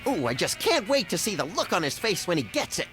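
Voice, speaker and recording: A performer voicing a hyperactive, gleefully mischievous little cartoon sidekick in a video game, excitable and impish. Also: medium pitch, fairly quick, over music, close to an everyday voice. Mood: impish excitement. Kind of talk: video game character acting.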